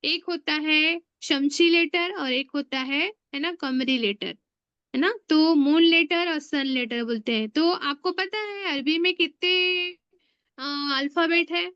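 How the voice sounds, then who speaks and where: A woman teaching an online Arabic grammar class, slowly spelling out letters and often asking the class questions. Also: high-pitched, no room sound, muffled recording. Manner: slow and spelling out letters one by one. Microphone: online video call.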